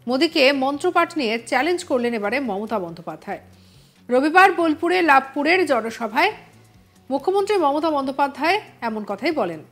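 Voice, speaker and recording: A woman reporter reading a scripted news voice-over in a brisk, even manner. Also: high voice. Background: faint music.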